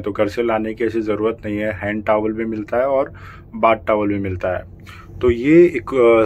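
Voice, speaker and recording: A young man from India, a cruise ship crew member, casually explaining his small cabin and bathroom step by step while filming on a handheld phone. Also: fairly low pitch. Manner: explanatory, pointing things out step by step. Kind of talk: casual vlog tour.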